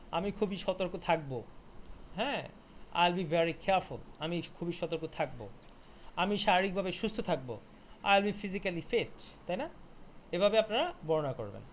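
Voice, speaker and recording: Male teacher, higher-pitched, patient and methodical, faint hiss behind. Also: low-quality recording. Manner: explains step by step, repeats examples slowly with translations. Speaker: English teacher. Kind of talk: online class lesson.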